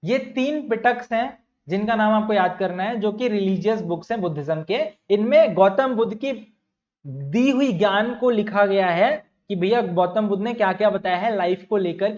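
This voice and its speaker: Young man, teacher, high voice, repeats key terms, asks questions, muffled lo-fi audio. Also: darkish tone. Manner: explains by repeating key words and asking the class questions; addresses students as bhaiya and bachcha. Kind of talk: exam-prep lecture. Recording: dull lo-fi sound.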